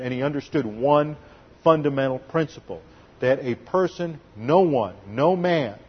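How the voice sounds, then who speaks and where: A husky-voiced man delivers an expository sermon in a deliberate teaching tone, pausing to stress key words. His voice sits in an ordinary middle range. The recording is muffled and lo-fi. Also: mid-range voice. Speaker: pastor.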